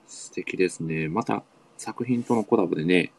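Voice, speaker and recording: A man's voice: deep voice, moderate pace, creaky, darkish tone. A man hosting a casual online radio chat, eager and full of admiring interjections. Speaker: podcast host.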